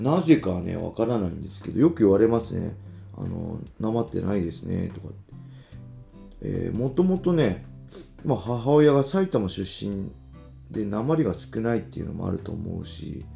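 Gravelly-voiced man chatting over soft music. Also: on the low side. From Ibaraki, Japan. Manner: relaxed, chatty, with frequent filler asides. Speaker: podcast host, former pro fighter. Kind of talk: casual solo podcast talk.

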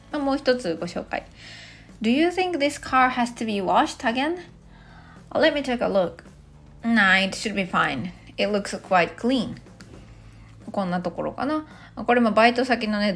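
A woman giving a casual spoken language lesson, chatty and full of soft fillers. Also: mid-range voice. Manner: chatty, many soft fillers, laughs lightly. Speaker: English teacher and podcaster.

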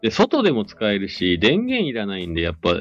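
A chatty male host with a lowish voice that swings freely in pitch as he talks. He keeps a polite, casual live-radio style over faint music, in slightly dull, lo-fi sound. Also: wildly swooping pitch, fast.

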